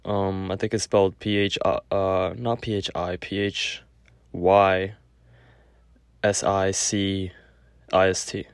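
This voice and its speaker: A man giving a casual spoken lecture with a clogged nose, halting often with fillers and restarts. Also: low-pitched, level tone, clean tone, no echo, clean studio sound. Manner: halting, many fillers and self-corrections. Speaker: podcast host.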